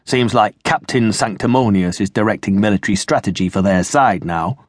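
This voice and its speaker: A man's voice: on the low side, moderate pace, dry recording, clean studio sound, natural voice. A man voicing a grave, loyal male vampire. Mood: sardonic. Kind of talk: audiobook character voice.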